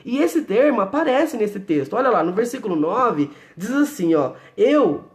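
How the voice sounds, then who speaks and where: A man's voice: high voice, big pitch swings, normal speed. A man teaching the Bible live to an online audience, explaining Greek words step by step, reading verses aloud, answering viewer comments and checking in with listeners often.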